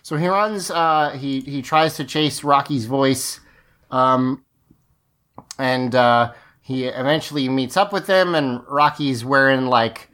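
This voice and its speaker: A man co-hosting a podcast, recapping a show in casual, halting talk and often rewording mid-sentence. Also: medium pitch, bright, forceful tone. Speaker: podcast co-host. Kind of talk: casual chat recapping a TV episode.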